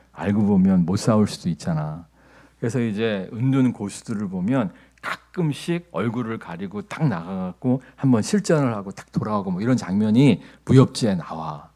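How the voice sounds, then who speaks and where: A middle-aged male pastor delivers a chatty, animated sermon in a church. He keeps asking the congregation to answer back and builds to loud, repeated emphasis. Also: lowish voice. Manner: asks the congregation for responses. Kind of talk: lively conversational sermon. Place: church sanctuary.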